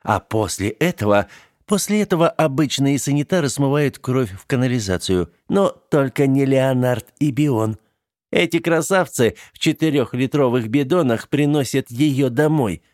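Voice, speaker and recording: A man voicing a sharp-tongued teenage girl from a vampire family who gleefully tattles on her brother. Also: medium pitch, normal speed, no echo, studio quality, voice pushed up, lightly acted. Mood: gleeful taunting. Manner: lively, mocking, lecturing.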